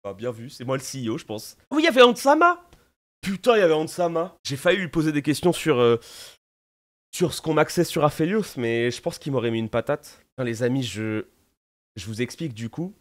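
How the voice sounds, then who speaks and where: A man from France with a French accent, chatting casually to his viewers in an animated, slangy way, full of fillers and restarts. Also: mid-range voice, a little fast. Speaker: streamer. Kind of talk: casual recap chat to viewers.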